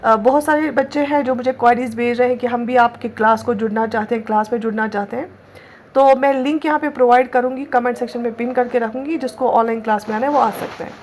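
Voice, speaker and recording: A woman with a fairly high voice gives an online Urdu lesson. She says each letter and word slowly, repeats it, and often checks that her students follow. A faint hiss sits under the recording. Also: steady tone, darkish tone. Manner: patient, repeats words slowly, often checks with "theek hai". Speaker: Urdu teacher. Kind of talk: online exam-prep lesson.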